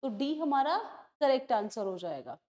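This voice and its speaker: A young woman with a high voice runs an exam-prep English lesson. She explains in Hindi sprinkled with English and reads each definition slowly and deliberately. She keeps checking whether her class has understood. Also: big pitch swings, darkish tone. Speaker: English teacher.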